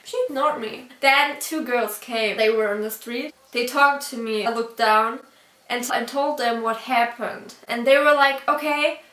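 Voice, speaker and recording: A woman telling a childhood story to camera in a chatty, laughing way, pausing to check her own pronunciation. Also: fairly high pitch, fairly even intonation, fairly bright tone. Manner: chatty, laughs often between sentences. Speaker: vlogger. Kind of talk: storytime vlog. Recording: roomy echo from a distance.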